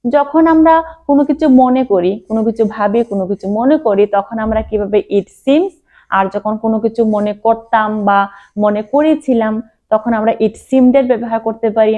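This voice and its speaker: Woman, English teacher, slow careful dictation, emphatic rising questions, thin phone-like sound. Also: fairly high pitch. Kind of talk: spoken English lesson.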